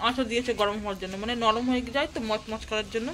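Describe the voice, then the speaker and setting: Woman chatting fast to her viewers while doing chores, phone mic, lots of background noise at home. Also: on the high side, steady tone. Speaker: home vlogger. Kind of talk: casual running commentary to viewers. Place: at home, moving indoors and out. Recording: noisy household ambience.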